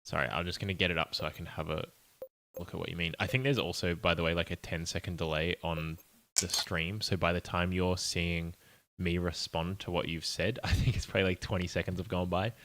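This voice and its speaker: A man's voice: sits low, flat delivery, fairly quick, a bit bright. A young man streaming as an indie game developer, muttering and thinking aloud in a casual, apologetic way. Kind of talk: casual live-stream chat while coding.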